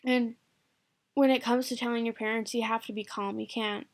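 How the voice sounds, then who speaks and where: A woman's voice: fairly high pitch, flat delivery, normal speed. A woman giving loose, rambling advice to camera late at night, packed with "like" and casual swearing. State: sleepy, yawning late at night.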